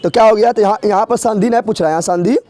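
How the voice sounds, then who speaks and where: A man with a high-pitched, darkish voice delivers an exam-prep grammar lesson in rapid-fire fashion. He drills the material by asking his own questions and answering them, repeating the pattern.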